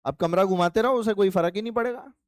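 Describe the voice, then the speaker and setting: A man's voice: high-pitched, fast talker, no echo, studio quality. A male physics teacher giving a playful, chatty classroom lecture and teasing his students.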